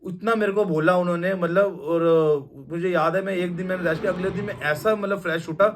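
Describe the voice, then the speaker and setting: A young man recounts a personal story in a loose, rambling way, stopping and restarting often. His voice sits a little higher than most men's. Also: a little fast, background noise. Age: young adult. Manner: rambling, with many restarts and fillers. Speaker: devotee sharing a testimony. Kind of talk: casual storytelling testimony.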